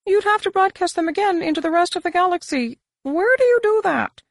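A woman's voice: extremely high pitch, expressive, fairly quick, no echo, studio quality, voice pushed up. A woman voicing a curious male alien spacer who asks probing questions in a raised voice.

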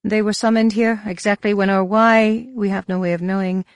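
Woman reading an alien woman commander, flat monotone, dry close sound, storybook. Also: mid-range voice, normal speed, no echo, pitched above the performer's own voice, lightly acted. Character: flat-voiced female alien base commander.

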